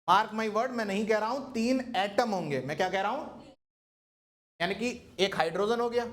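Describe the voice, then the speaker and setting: A man teaching a chemistry class, constantly asking his students questions and coaxing them to answer. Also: high-pitched. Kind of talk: classroom lecture.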